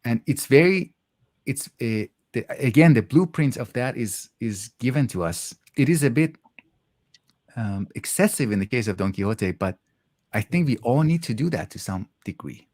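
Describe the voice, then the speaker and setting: A man speaking reflectively in a conversational interview, halting often as he thoughtfully searches for words. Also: medium pitch, animated, a little mellow, no echo.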